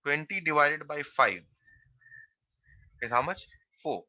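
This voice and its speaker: Bright-voiced math teacher. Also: male voice, fairly high pitch, lively intonation, slow pace, no echo, dull audio. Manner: step-by-step, repeats key phrases. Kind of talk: online class explanation.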